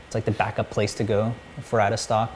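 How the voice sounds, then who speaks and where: A man co-hosting a casual electronics show, low-key and often trailing off mid-sentence. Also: level tone, fast, a little hiss or hum. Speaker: co-host. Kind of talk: casual live show chat.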